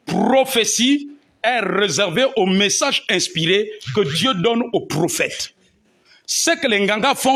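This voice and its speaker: High-voiced pastor preaching. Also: male voice, fairly bright tone. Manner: emphatic, punctuated by amen and alleluia. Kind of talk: sermon teaching.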